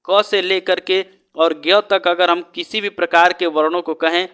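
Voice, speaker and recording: Male teacher, high and bright, asks a question and answers it himself, keeps checking in with the class. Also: fairly even intonation, normal speed, smooth. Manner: stretches out the sounds he teaches. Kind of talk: exam-prep lesson.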